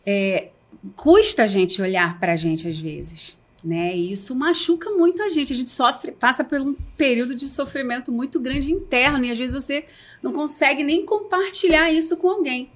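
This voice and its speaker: A Brazilian-accented woman with a slightly high voice talks as a podcast guest. She speaks earnestly and with emotion, often restarting her sentences. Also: moderate pace, fairly bright tone. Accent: Brazilian Portuguese. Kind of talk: candid personal talk show conversation.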